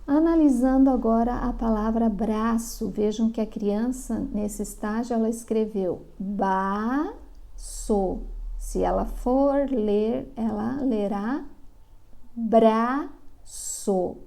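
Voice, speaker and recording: A middle-aged woman from Brazil, a literacy teacher explaining to parents, slowly sounding out syllables. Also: fairly high pitch, gravelly, dark tone. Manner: slow, drawn-out sounding of syllables.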